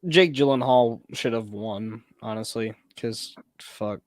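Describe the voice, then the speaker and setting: A man's voice: fairly low pitch, takes it slowly, no echo, studio quality. A man chatting casually about movies, rambling and restarting his sentences. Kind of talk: casual film chat.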